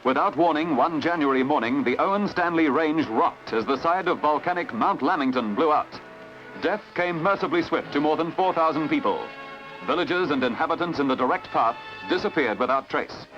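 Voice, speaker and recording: A man's voice: fairly high pitch, expressive, a little fast. A man with an Australian accent giving formal, dramatic scripted narration for an old newsreel. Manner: formal, dramatic announcer delivery. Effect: old newsreel recording. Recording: dull lo-fi old film soundtrack with music.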